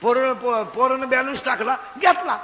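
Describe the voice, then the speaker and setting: High-pitched scolding kirtan preacher man. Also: normal speed, bright, forceful tone, long reverb tail, a little hiss or hum. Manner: scolding, questions the audience. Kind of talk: comic devotional sermon.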